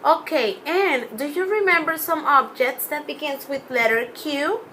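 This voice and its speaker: A young woman teaching a children's video class, slowly drawing out and repeating words as she counts and names letters. Her first language is Spanish. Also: sits high, pushed and bright, a little hiss or hum, poor audio.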